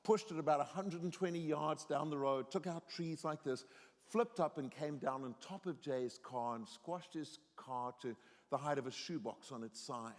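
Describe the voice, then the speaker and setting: A middle-aged man preaching in a university chapel, telling stories in an earnest way that builds into emphatic exhortation. His voice sits a little higher than most men's. The sound rings with the long reverb of a large hall. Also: moderate pace. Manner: earnest storyteller, grows more emphatic and exhorting. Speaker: guest preacher. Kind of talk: storytelling chapel sermon.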